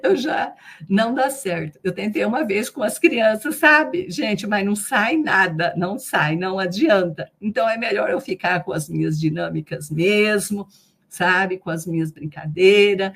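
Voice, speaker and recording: A middle-aged Brazilian woman leads a live training session in a relaxed, conversational way. She circles back over her points and keeps checking that her listeners follow. Her voice sits in a middle pitch. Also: unhurried, husky. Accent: Brazilian Portuguese. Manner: conversational, repeats herself, asks "né?" often. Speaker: lecturer and trainer. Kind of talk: live online training talk.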